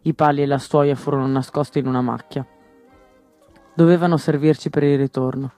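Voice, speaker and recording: A man narrating a novel as an audiobook, reading steadily and raising his voice for shouted lines. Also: fairly quick, dry recording, faint music behind. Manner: steady storytelling, lifts pitch for shouted quotes.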